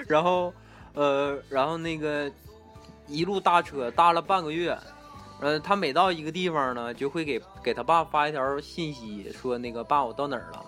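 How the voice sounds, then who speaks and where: A man with a Northeastern Mandarin accent chatting casually as a podcast co-host, telling stories with halting restarts. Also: fairly high pitch, a bit bright, soft background music. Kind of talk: casual chat.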